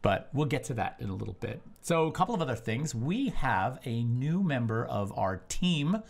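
A man's voice: medium pitch, very animated, normal speed, gravelly. A man co-hosting a live-streamed art chat show, talking casually and telling easygoing stories. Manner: chatty, storytelling, easygoing. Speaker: co-host.

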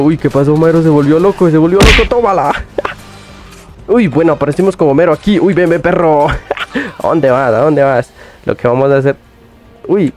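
A young man giving excited gameplay commentary, yelping and jumping high in pitch whenever something startles him. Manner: excitable, yelps "uy" constantly, laughs often, voice jumps high when startled. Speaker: gaming youtuber.

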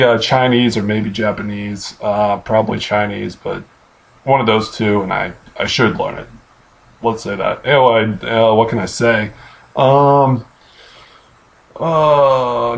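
An American man in his late twenties answers questions off the cuff in a halting, casual way, thinking aloud into a computer mic in a bedroom. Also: on the low side, gravelly. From Missouri, United States. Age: late 20s. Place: small bedroom, indoors. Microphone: webcam or computer mic at arm's length.

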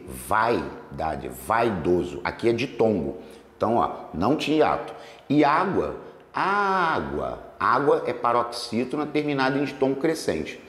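Lively teacher in an echoey room. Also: male voice, mid-range voice. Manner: lively, stretches words slowly to spell out syllables. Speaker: exam prep teacher. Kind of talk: solving exam questions on grammar.

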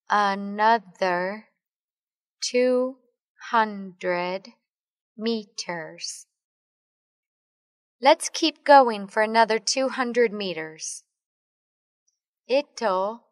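A woman with a fairly high, smooth voice reads simple English sentences for language learners. She says each word on its own at a very slow pace, then repeats the whole phrase. The recording is dry and close, like a studio voice-over. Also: no echo.

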